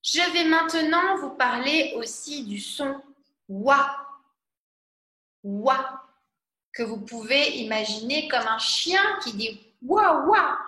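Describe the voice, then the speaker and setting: A woman teaching French pronunciation, repeating each word slowly with carefully exaggerated articulation. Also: high-pitched, lively intonation, pushed and bright, roomy sound, rough recording.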